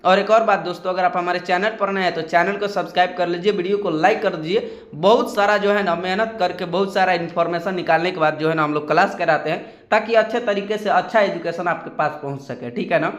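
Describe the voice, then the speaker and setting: A man's voice: high-pitched, steady tone, fairly bright tone, echoey room, highs cut off. A man teaching a Hindi alphabet lesson, patiently drilling syllables and often checking in with his viewers. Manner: patient, drawn-out syllable drills, frequent "ठीक है ना". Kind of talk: screen-recorded lesson.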